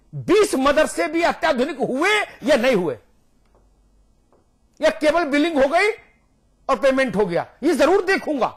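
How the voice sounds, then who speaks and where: A man's voice: very high voice, a bit bright. A man speaking as a guest on a TV news debate, emphatic and rhetorical, repeating his points for force. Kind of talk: heated TV debate argument.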